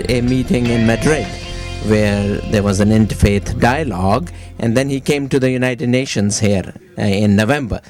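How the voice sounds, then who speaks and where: A man answering interview questions in a measured, formal way, pausing often with uh. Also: medium pitch. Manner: measured, formal, with frequent uh pauses.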